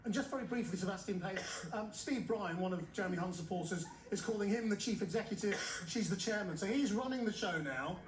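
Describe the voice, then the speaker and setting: A woman's voice: mid-range voice, expressive, fast, hardly any pauses. Female live presenter in a roomy space. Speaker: broadcast presenter. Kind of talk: live interview moderation. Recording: roomy, distant, clearly noisy broadcast.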